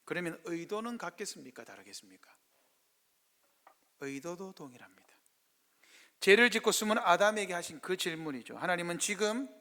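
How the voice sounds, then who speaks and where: A man's voice: a little high, sharp tone. A male pastor with a Gyeongsang Korean accent preaching a sermon, pressing the congregation with rhetorical questions and acting out biblical speakers. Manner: acts out biblical speakers in dramatic voices. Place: church sanctuary. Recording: echoey church hall.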